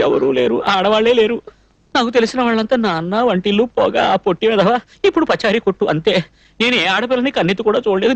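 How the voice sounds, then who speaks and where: An actor dubbing a naive, fussy young male cook in a film comedy, scolding and quick-tempered. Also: extremely high pitch, dry recording. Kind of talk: dubbed film comedy acting.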